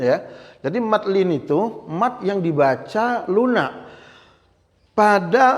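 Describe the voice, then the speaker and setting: A high-voiced man teaches the rules of Quran recitation step by step, often checking in with a quick "ya". Now and then he slowly chants a recitation example before resuming his explanation. A long reverb tail suggests a large, echoing room.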